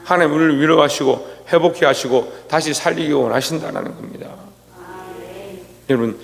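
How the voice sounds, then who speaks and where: Gravelly Korean pastor preaching in a hall. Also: male voice, a little high, moderate pace. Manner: preaching, reads scripture, acts out quoted complaints. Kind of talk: early-morning sermon.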